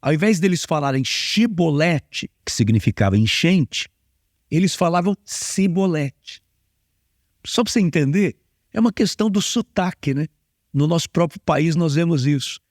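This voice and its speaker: A man's voice: on the high side, animated, brisk, darkish tone, dry recording, studio quality. A man with a Brazilian Portuguese accent, a pastor preaching in a conversational way, telling a story and asking rhetorical questions. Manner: storytelling, explains with everyday examples and rhetorical questions. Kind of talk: conversational sermon.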